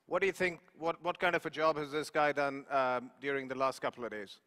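A man's voice: a little high, fairly even intonation, fairly quick, bright, forceful tone, slight background noise. A man, a company executive, joking casually with the audience from a conference stage. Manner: chatty, jokey, repeats words. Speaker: company executive introducing a panel. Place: large conference hall stage. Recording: echoey hall sound.

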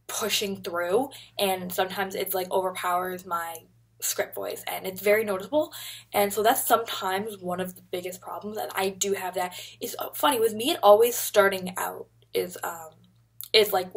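A young woman in her twenties, a vlogger, chats casually to a webcam at her desk in her bedroom, rambling and gesturing as she goes. Her voice is medium-pitched and slightly rough.

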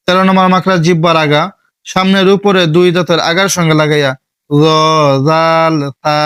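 A man from Bangladesh teaching an online Quran recitation lesson, patiently repeating each step slowly. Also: on the high side, a bit bright, no room sound.

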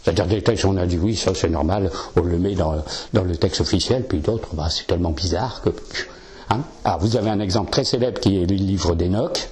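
A man's voice: deep voice, a little fast, darkish tone. A man giving an informal lecture to a live audience, explaining as he goes with many fillers. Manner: chatty, explanatory, frequent "hein" and "euh".

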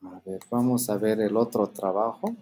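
A man's voice: on the low side, steady tone, normal speed, warm tone. Man teaching an online class. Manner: explanatory, frequent tag questions.

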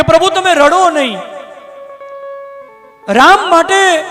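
A man's voice: very high-pitched, pushed and bright. A man reciting scripture as a devotional storyteller at a live religious gathering, telling the tale emotively with dramatic, rising declamation. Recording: reverberant hall, faint guitar behind.

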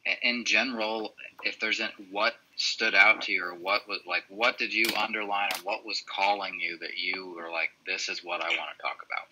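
A man's voice: low voice, flat delivery, normal speed, hardly any pauses, sharp tone, slight background noise, rough recording. A man leading a casual book club discussion on a video call, asking follow-up questions.

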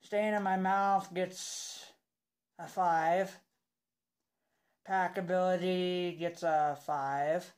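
Slow-talking young man, lip full of dip. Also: high voice, steady tone. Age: young adult. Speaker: product reviewer. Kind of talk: casual rambling video review. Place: indoors in a home room.

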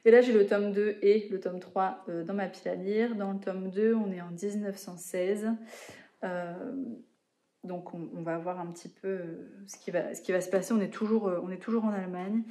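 A woman's voice: medium pitch, steady tone, normal speed, dark tone. A woman in her thirties chatting casually to camera about books in a digressive, self-correcting way, recorded indoors in a living room. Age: 30s. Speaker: book vlogger.

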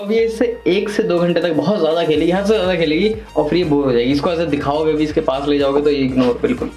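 A playful young man in his twenties films a casual vlog around his family home, talking straight to his viewers. His voice sits a little high for a man, and music plays underneath him. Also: fast talker, darkish tone, low-quality recording. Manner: chatty and playful, narrating to viewers, mixing in English words. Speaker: vlogger. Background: background music.

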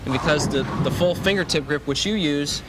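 Heavy background noise surrounds this recording from an indoor bowling alley, where a man in his thirties who bowls professionally explains grips and shoes. His pitch is fairly high and he talks a little fast, restating key points for the instructional video through a lapel mic.

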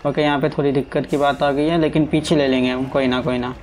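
A man's voice: medium pitch, level tone, fast talker, a little mellow, a little hiss or hum, low-quality recording. A man giving casual commentary as he plays a game, chatting to his truck and his viewers. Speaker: gaming streamer. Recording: faint game sounds in background.

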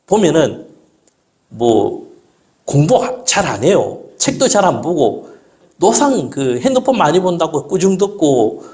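A man's voice: a little high, a little mellow. A middle-aged man preaching a sermon, asking the congregation rhetorical questions and acting out talks with his young daughter. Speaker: pastor.

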